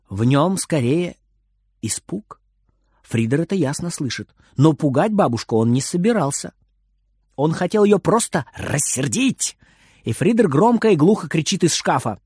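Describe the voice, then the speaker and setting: A man reading a children's storybook aloud in a lively, expressive way. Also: fairly high pitch, slightly rough, dry recording, clean studio sound. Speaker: narrator.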